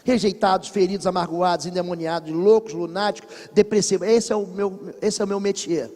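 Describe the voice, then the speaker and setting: A man with a Brazilian Portuguese accent preaching a sermon as pastor, telling stories with emphasis, dropping low and then rising loud. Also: fairly even intonation, fairly quick. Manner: emphatic storytelling preacher, swinging between hushed and loud. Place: church. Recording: long church reverb.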